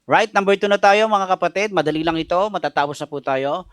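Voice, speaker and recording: A man's voice: high-pitched, quick pace, fairly bright tone, clear, resonant tone, no room sound, clean studio sound. A middle-aged man with a Filipino accent preaching a radio sermon, telling a personal story with feeling and mixing Tagalog and English. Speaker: pastor.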